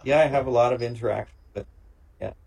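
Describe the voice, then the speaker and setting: A man's voice: medium pitch, quick pace, creaky, darkish tone, breathy edge. A man, making small talk with eager interjections on a video call. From Canada. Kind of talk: casual video-call chat.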